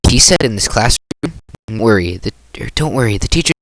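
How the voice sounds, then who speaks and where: A man voicing a shy, bookish teenage girl who speaks gently and hesitantly in a visual novel reading. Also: on the low side, expressive, fairly quick. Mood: gentle.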